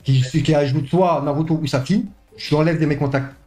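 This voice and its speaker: A man's voice: on the high side, fairly even intonation, normal speed, warm tone, soft background music. A man in heated, slangy banter, curt and irritable, swearing often and repeating himself.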